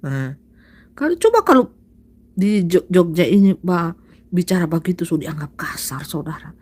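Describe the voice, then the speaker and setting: A woman preaching casually on a live stream, with soft, drawn-out speech, whispered asides and frequent chuckles. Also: on the low side, breathy edge. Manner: addresses listeners as "saudaraku" and "Bapak Ibu". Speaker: self-styled prophet on a live stream.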